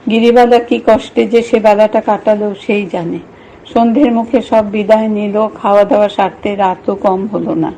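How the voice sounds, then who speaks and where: A woman reading a novel aloud in a steady, measured storytelling voice. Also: mid-range voice, slight background noise, poor audio. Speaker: reader.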